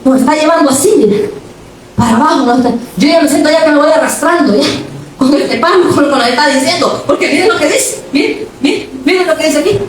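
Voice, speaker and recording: A woman preaching a lively sermon in a church hall, playful and dramatic, acting out everyday scenes and calling her listeners brother. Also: sits high, brisk, slight background noise. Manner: addresses the congregation directly as brother. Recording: echoey hall from far off.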